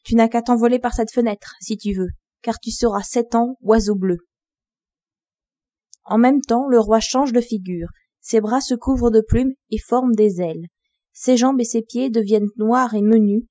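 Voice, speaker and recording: A woman narrates a classic fairy tale for an audiobook in an even, measured way. Her voice is fairly high yet mellow and soft-edged, recorded very dry and close with no room sound. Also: no room sound. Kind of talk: scripted storybook narration.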